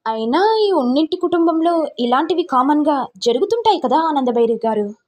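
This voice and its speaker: A harsh male police inspector who mocks a proud family and bullies the son, read by a woman. The voice stays high and sneering. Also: expressive, moderate pace, darkish tone. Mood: mocking. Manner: mocking, bullying.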